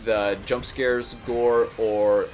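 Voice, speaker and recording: A man's voice: medium pitch, flat delivery, very slow. A man co-hosting a casual podcast chat, leading the talk with rambling questions. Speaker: co-host.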